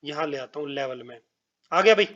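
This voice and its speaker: A man gives a math lesson in a fairly high voice. He talks to his pupils as children, repeats each step and checks they follow, and drags out words while he writes. The sound is a bit dull and lo-fi. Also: expressive, a bit bright. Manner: writes on screen while speaking, pauses and drawn-out words. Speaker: math teacher.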